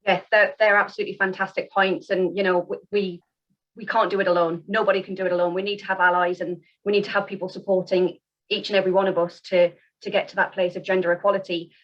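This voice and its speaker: Fast-talking woman moderator, lo-fi sound. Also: mid-range voice, fairly even intonation. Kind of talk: panel moderation.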